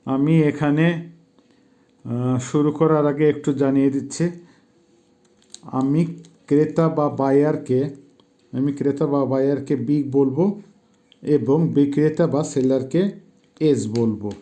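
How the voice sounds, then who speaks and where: A man in his fifties from Bangladesh gives a language lesson at a very unhurried pace. His voice is deep and mellow, and he patiently repeats each word slowly for pronunciation. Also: fairly even intonation. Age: 50s. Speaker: language teacher. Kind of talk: slow, careful language lesson.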